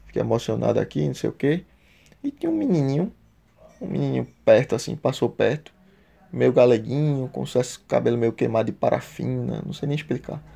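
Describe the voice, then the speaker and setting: A man's voice: medium pitch, lively intonation, fairly quick, gravelly, dark tone, breathy edge. A man telling a personal story casually, emotional and heartfelt, with a lot of slang.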